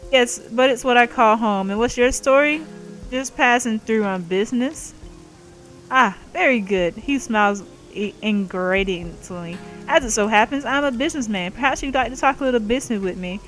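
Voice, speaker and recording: A woman's voice: on the high side, a bit bright, rough recording. Woman reading a game aloud. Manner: reads all game text and characters in her own voice, with playful asides. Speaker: gaming YouTuber reading game dialogue aloud. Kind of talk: let's play commentary and reading.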